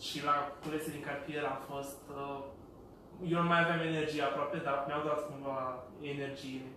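A man excitedly recounting a festival in casual chat with friends. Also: on the high side, a little hiss or hum. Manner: excited, animated storytelling. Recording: echoey room, mic far off.

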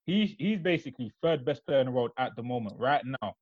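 A man's voice: medium pitch, animated, fast, no echo. Insistent young London roadman, muffled sound. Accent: London, urban roadman. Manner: slangy, argumentative, insistent, repeats phrases. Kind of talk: casual football banter and debate.

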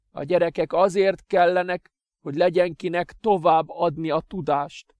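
A bitter, hateful young master who is already wasting away, as a man puts him on in a high, strained voice. He speaks slowly and loudly, full of scorn. The sound is dry and close. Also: no echo, natural voice. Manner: shouting, slow and scornful.

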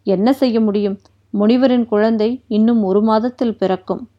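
Playful young maid, teasing and full of jokes, fairly high voice, read by a woman narrator, lo-fi sound. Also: steady tone, moderate pace, lightly acted. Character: mischievous, joking young palace maid. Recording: dull lo-fi recording.

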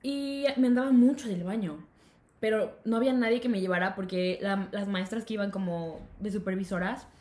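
A young woman with a Mexican Spanish accent, co-hosting a casual podcast and telling stories in a giggly, animated way. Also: mid-range voice, normal speed, roomy sound. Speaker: podcast co-host. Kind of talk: casual chat.

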